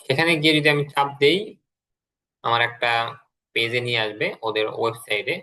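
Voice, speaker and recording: A man teaching English to adult learners in an online class, patiently repeating words slowly for them to follow. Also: medium pitch, pushed and bright, low-quality recording.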